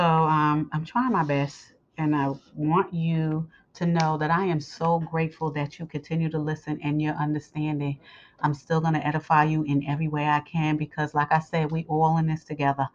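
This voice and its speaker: A woman with a low voice, scratchy as if her tonsils are swollen, talks to her listeners in an informal host's update. She pushes through haltingly, and the recording is dull and muffled. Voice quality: scratchy, sore swollen-throat voice. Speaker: host of Bible lessons.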